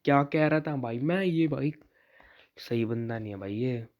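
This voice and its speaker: A man's voice: medium pitch, normal speed, muffled recording. Chatty young man teasing game characters. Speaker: gaming YouTuber. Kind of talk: casual let's-play commentary.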